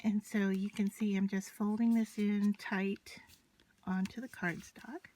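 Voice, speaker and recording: A woman with a mid-pitched voice presents a casual, unscripted craft tutorial. She explains each step as she works with her hands. Noise is audible behind her, with scratching and clicks from the materials she handles. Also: level tone, unhurried, warm tone. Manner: instructional, talking through each step while working with her hands.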